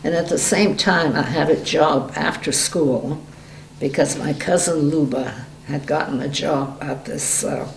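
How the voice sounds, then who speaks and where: A woman's voice: low-pitched, measured pace, vocal fry. An elderly woman recalling her youth in a plain, matter-of-fact way during an oral history interview. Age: 70s or older. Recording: echoey room with faint noise.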